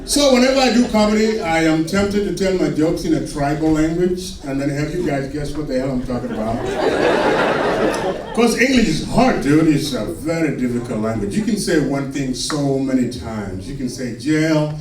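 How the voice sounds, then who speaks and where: A man from Sudan with a Sudanese accent doing a stand-up comedy set on a club stage, delivering his punchlines slowly and deadpan. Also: on the high side, far from the mic, background noise. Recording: echoey club recorded from afar with laughing crowd. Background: audience laughter.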